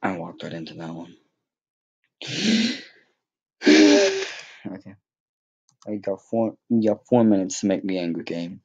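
A man's voice: sits low, very animated, slow, gravelly, long pauses, darkish tone, husky, highs cut off. A young man giving casual, joking gameplay commentary, rambling with many fillers and mocking himself. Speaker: gaming YouTuber.

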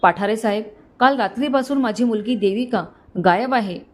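A woman's voice: a little high, normal speed, close to an everyday voice. A woman voicing an elderly wealthy father who sounds earnest and pleading, in a storybook reading. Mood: worried.

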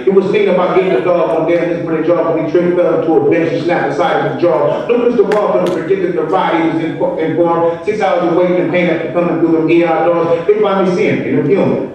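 Man performing spoken word, echoey and distant. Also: fairly high pitch. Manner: rhythmic, chanted refrain. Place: stage in a large hall, heard over a video call. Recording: far-off echoey lo-fi video call audio.

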